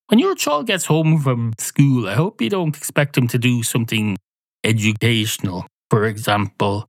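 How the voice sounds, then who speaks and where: Irish male comic host, deadpan and sardonic, mid-pitched, close dry mic. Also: dry recording. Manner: dry, sardonic, mock-earnest asides. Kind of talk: comic monologue.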